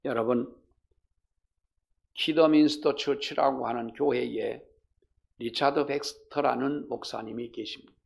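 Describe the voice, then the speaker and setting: Gravelly-voiced man preaching fervently. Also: mid-range voice, steady tone, measured pace, pauses often. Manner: fervent preaching, swinging from loud exhortation to hushed storytelling. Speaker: pastor. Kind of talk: sermon.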